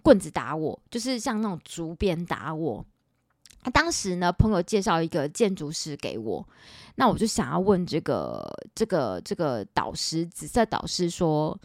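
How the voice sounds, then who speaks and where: A woman's voice: fairly low pitch, dry recording, clean studio sound. A woman in her forties with a Taiwanese Mandarin accent, hosting a podcast and telling a personal story in a chatty, dramatic way. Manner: animated, chatty, dramatic retelling with quoted dialogue. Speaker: podcast host.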